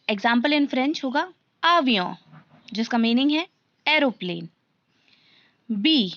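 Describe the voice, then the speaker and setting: A woman teaches slowly and patiently, repeating each letter and asking rhetorical questions as she goes. Her voice sits a little high. The recording is slightly muffled and lo-fi. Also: no echo. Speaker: language teacher. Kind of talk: slow step-by-step lesson.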